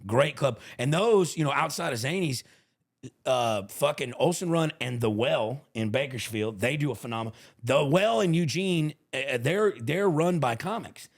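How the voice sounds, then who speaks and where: A man's voice: medium pitch, normal speed, gravelly. A man hosting a casual comedy podcast, telling rowdy road stories full of swearing. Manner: profane, animated storyteller. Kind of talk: casual chat.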